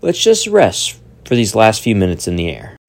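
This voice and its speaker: A man's voice: on the low side, normal speed, full character voice. An actor playing a skeptical young man who dryly questions his friend's rambling. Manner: dry, skeptical, lively. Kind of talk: hobby audio drama.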